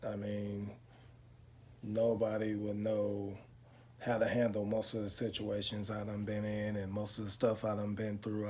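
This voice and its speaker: A man, talking slowly and reflectively to his viewers in a casual vlog, with lots of pauses and fillers. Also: fairly low pitch, creaky, darkish tone, slightly rough. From Chicago. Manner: slow, reflective storytelling with many pauses and fillers. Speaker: car vlogger. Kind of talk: casual talk to camera.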